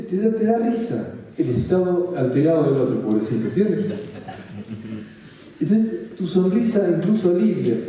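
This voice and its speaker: A man with a Rioplatense Spanish accent gives a calm spiritual talk, repeating his points and asking listeners if they follow. His voice is very dark and mellow. It rings out in a strongly reverberant room, picked up from a distant mic. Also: on the high side, a little hiss or hum. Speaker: spiritual speaker. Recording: very echoey room, mic far off.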